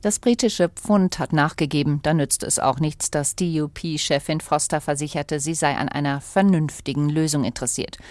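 A woman reporting the news in a clear, matter-of-fact way. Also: low voice, moderate pace, hardly any pauses, darkish tone, no echo. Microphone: close studio mic.

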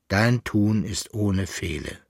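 A male audiobook reader voicing a pious, luckless poor man who prays fervently and laments in high wails. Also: slow, no room sound, studio quality. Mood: pious resignation. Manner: fervent prayer turning into high, wailing laments. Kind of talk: audiobook reading.

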